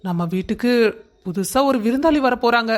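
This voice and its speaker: A woman voices a tender young husband in a cartoon, gently reassuring. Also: very high voice, expressive, a little fast. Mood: soothing. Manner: soothing, affectionate. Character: loving young husband, soothing.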